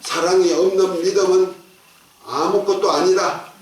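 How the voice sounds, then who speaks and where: A man's voice: high voice, fairly even intonation, unhurried. A man preaching a sermon as a pastor, folksy and joking, leading the congregation in call and response. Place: church sanctuary. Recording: echoey church hall, distant mic.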